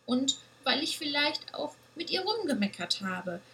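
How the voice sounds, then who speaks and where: A small, emotional young goat girl speaks in a squeaky, childlike voice that pleads and wobbles. Her lines come slowly, as a woman reading aloud puts her on, in a storybook manner. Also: very animated, bright, forceful tone, heavily acted. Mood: sheepish.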